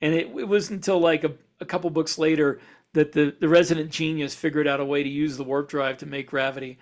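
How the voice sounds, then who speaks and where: A brisk man with a slightly high, steady voice co-hosts a podcast as a science fiction author. His casual shop-talk explanations roam around, with frequent self-corrections.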